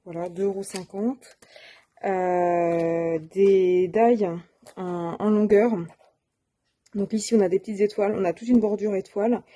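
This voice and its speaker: A woman's voice: mid-range voice, fairly even intonation, measured pace, dark tone. A woman presenting her shopping haul of craft supplies in a casual, hesitant way, with many fillers and self-corrections. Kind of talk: casual show-and-tell.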